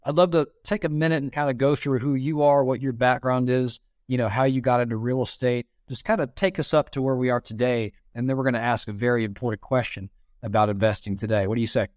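A man's voice: medium pitch, fairly even intonation, fast, darkish tone, no room sound, studio quality. Chatty Southern man hosting a podcast. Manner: chatty, loose, many "you know" fillers. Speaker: podcast host. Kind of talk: casual interview chat.

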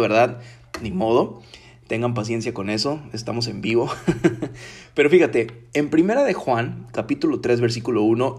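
A man preaching a casual sermon from his home, talking in a conversational, emphatic way and slowing down to stress key words. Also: medium pitch. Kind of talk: casual live-streamed sermon.

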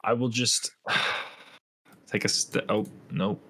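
A man's voice: on the low side, fairly even intonation, slow, pushed and bright, husky. A man playing a tabletop game, asking hesitant rules questions full of fillers. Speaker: player. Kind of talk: casual game chat.

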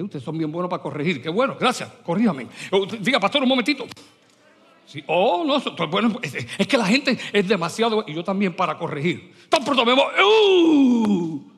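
A man preaching a lively sermon as pastor, mixing English words into his speech. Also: sits high, brisk, husky, long reverb tail. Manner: animated, mixes English words into Spanish.

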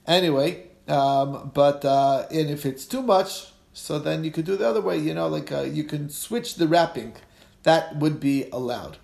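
A man's voice: fairly high pitch, normal speed, creaky, a little mellow, reverberant. A man teaches a religious class informally as a rabbi, reading text and explaining it conversationally with questions he answers himself. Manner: conversational, asks and answers own questions, checks in with listeners.

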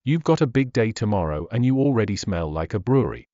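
A man voicing an elderly grandmother who keeps a tribe's records, brisk and chiding in a dry manner. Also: lowish voice, very animated, mellow, dry recording, highs cut off.

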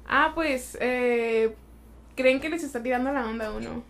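A woman's voice: on the high side, measured pace, fairly bright tone. A young woman, a podcast guest casually telling workplace anecdotes with a chatty, laughing manner. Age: young adult. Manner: chatty storyteller, laughs through her anecdotes. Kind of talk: casual chat.

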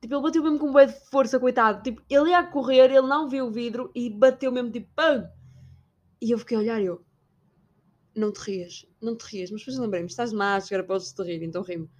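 A young woman with a European Portuguese accent, chatting casually about a trip and imitating people along the way. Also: fast. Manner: chatty, animated, imitates shouting staff in high voice. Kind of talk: casual storytelling vlog.

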